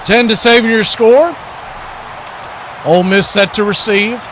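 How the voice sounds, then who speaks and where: High-voiced and fairly bright, an American man calls football play-by-play for an online watch party stream at a measured pace with fairly even intonation. Short clipped phrases mark each action, over clear background noise.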